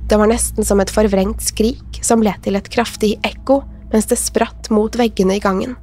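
A woman narrating a scary story in the first person, in a measured, suspenseful scripted telling. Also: medium pitch, fairly even intonation, a little mellow. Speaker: podcast narrator.

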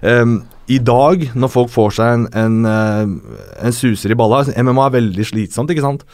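A man talking as a guest in a casual podcast chat, explaining at length in a relaxed way with lots of fillers. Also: medium pitch, no echo. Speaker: guest, martial arts expert.

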